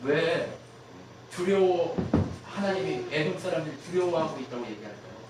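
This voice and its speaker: A pastor preaching a sermon, constantly quizzing the congregation with rhetorical questions and swinging from loud emphatic peaks to hushed low lines. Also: moderate pace. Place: church sanctuary. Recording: very echoey hall, mic far off, steady ambient noise.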